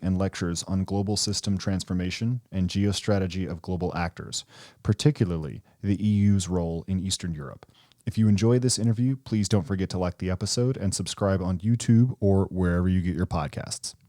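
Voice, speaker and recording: A man's voice: sits low, brisk, warm tone, dry recording, clean studio sound. A man hosting a podcast interview, introducing his guest and asking friendly, slightly rambling questions. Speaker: podcast co-host.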